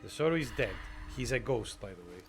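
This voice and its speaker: A man livestreaming a video game with casual, jokey, halting commentary to his chat. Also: mid-range voice, animated, over music. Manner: jokey, chatty, halting fillers.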